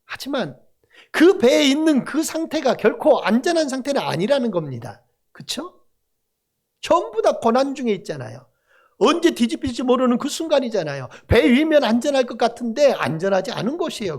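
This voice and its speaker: Pastor, male, high and very expressive pitch, sermon with call-and-response. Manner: animated preaching with call-and-response to the congregation. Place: church sanctuary.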